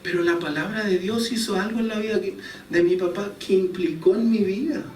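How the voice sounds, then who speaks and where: A man's voice: high-pitched, darkish tone, a little hiss or hum. A young man, preaching a sermon in a conversational, storytelling way. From Chile. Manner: conversational storytelling, chuckles at himself. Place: church hall. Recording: echoey church room, distant mic.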